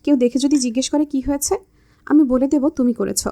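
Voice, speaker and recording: A woman's voice: sits high, fairly even intonation, fairly quick, dark tone. A woman voicing a teasing, smug young man.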